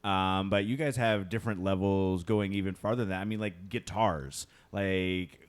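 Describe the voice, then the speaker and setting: A man's voice: sits low, fairly even intonation, normal speed, clear, resonant tone. A man hosting a live podcast in a small stuffy room, chatting loosely with plenty of fillers. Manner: loose, rambling, many fillers. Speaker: podcast host. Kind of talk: casual live podcast chat.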